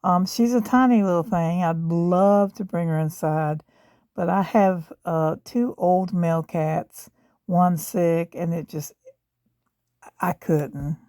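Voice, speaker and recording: An older woman with a gravelly, hoarse voice and a sore throat, chatting casually in a rambling, folksy, blunt way. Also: lowish voice, steady tone, takes it slowly, mellow, no room sound, studio quality. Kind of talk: casual update about a rescued stray kitten. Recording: faint noise, muffled at times by mask.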